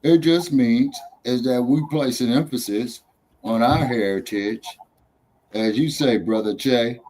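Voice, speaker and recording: Slow-drawling man hosting a talk show. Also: medium pitch, a little mellow, slight background noise. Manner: loose, heckling, drawling asides. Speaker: podcast host. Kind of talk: casual talk show chat.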